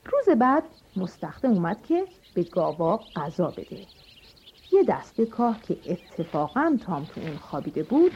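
A woman storyteller reading a children's story aloud with expression, speaking to children. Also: medium pitch. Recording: dull recording with music behind.

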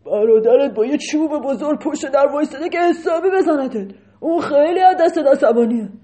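A woman voicing a worried cow in a children's story, giving a loud lowing warning. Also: lightly acted. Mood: urgent warning.

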